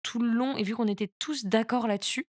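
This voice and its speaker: A woman's voice: a little high, brisk, darkish tone, no room sound. Easygoing woman in a dry podcast chat.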